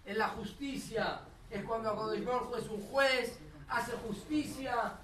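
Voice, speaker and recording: A man with a Rioplatense accent, animated as he gives a religious storytelling lecture and chants quotations to a room with an audience. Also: extremely high pitch, measured pace. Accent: Rioplatense Spanish. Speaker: religious teacher. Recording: roomy, distant and noisy.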